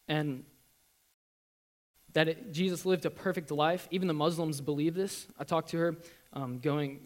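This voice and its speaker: A young man giving a church testimony, earnest and halting, with many ums and restarts. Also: a little high.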